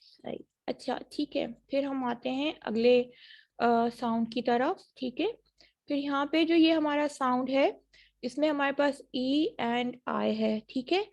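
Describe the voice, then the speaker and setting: A woman teaches a phonetics class online, speaking through a computer mic on a video call. Her voice sits a little high, and she has a throat infection. She stretches out sample words and checks in with her students after nearly every point. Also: fairly even intonation, creaky, darkish tone. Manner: checks in often with 'theek hai?', models words slowly.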